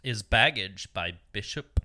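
A man co-hosting a casual podcast, talking in a relaxed, hesitant way with lots of fillers. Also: lowish voice, measured pace. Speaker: podcast co-host. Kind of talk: casual chat.

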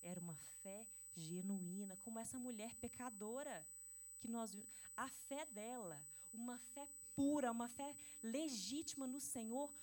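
A woman's voice: fairly high pitch, a little slow, darkish tone. Chatty Brazilian woman preaching a sermon. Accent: Brazilian Portuguese. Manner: chatty, addresses the congregation directly.

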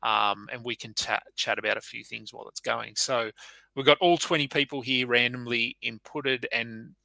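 A man's voice: medium pitch, steady tone, normal speed, creaky, bright, forceful tone, no room sound, poor audio. A man hosting a casual podcast, chatty and loose with plenty of fillers and restarts. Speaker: podcast host.

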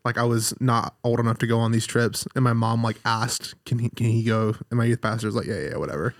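A man's voice: medium pitch, a little fast, no echo. A man hosts a laid-back conversation and slips easily into storytelling. His voice sits in an ordinary middle range. The sound is close and dry, with no room in it. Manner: storytelling, animated when recounting. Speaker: podcast host. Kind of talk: casual chat.

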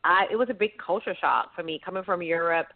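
This UK-born educator and writer, raised in Florida, talks fast in a lowish voice as a guest on a call-in radio show. Her delivery is earnest and outspoken, with many restarted sentences. The audio comes through a tinny phone line with no echo.

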